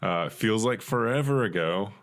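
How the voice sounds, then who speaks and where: A lower-pitched man co-hosting a casual podcast. He is laid-back and tells a story at an easy, even pace. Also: normal speed. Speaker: podcast co-host.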